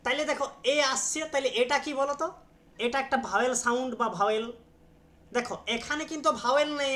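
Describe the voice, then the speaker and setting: A man's voice: very high voice, fairly bright tone, slight background noise. A man teaching an English grammar class online, explaining step by step and repeatedly prompting students to pronounce and answer. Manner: patient, repeats each sound many times.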